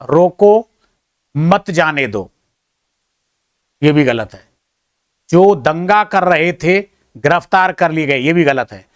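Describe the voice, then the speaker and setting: A man with a somewhat higher voice works through exam questions, reading each option aloud and then giving his verdict. He drops in modest, chatty remarks to his students between answers. The sound is dry and close, with almost no room in it. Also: lively intonation, takes it slowly, pauses often, dry recording. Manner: self-deprecating, chatty asides to students. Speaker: teacher. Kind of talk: exam answer-key walkthrough.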